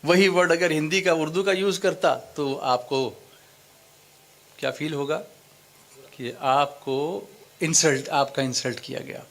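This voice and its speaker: A man with a slightly high voice lectures a gathering in sermon style. He works through his point step by step, repeating phrases and quizzing his listeners. English words slip into his speech as he goes. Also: pauses often, fairly bright tone. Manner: explanatory, quizzes the audience, repeats phrases for emphasis. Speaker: Islamic preacher.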